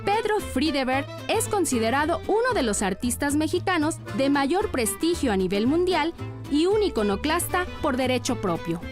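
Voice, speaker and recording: A woman's voice: sits high, very animated, moderate pace, over music. A woman reading a formal, polished voice-over narration for a TV profile. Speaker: announcer. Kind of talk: scripted narration.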